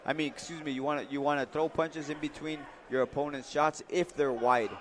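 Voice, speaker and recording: A man's voice: fairly high pitch, steady tone, brisk, slight background noise. A man giving live, conversational boxing commentary, thinking aloud and repeating words as he goes.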